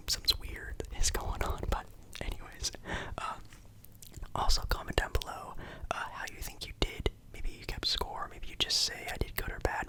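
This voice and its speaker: A man hosting in a whispered ASMR style, very close, as if right in the listener's ear. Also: low-quality recording. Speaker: ASMR video host.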